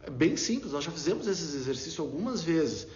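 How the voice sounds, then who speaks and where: A man explaining ideas in a casual, animated way, acting out little inner dialogues as he talks. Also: fairly high pitch, a little fast. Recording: roomy, dull lo-fi sound.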